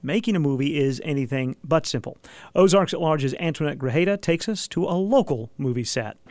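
Higher-pitched male radio host, dry studio sound. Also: expressive, brisk, a little mellow, no room sound. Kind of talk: scripted radio introduction.

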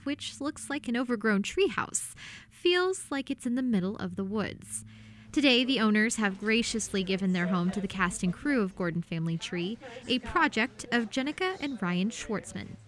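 A woman's voice: medium pitch, fairly bright tone. A woman reporter reading scripted narration for a radio news feature.

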